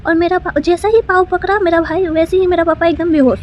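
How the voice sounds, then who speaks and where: A woman tells a personal story in casual, rambling speech, stopping often to restart and fill the gaps. Her voice sits high, and a faint background hum runs under it. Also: fairly even intonation, a little fast, darkish tone. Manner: rambling, with many fillers and restarts.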